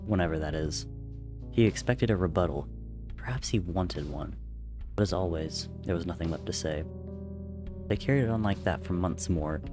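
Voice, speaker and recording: A man's voice: low-pitched, normal speed, music in the background. A man narrating fiction aloud as a dramatic reading.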